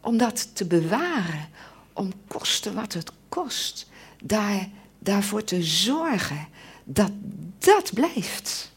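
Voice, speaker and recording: A woman preacher giving a sermon, slow and emphatic, often dropping into an intense whisper. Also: breathy edge. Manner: slow and emphatic, with lively swings of pitch.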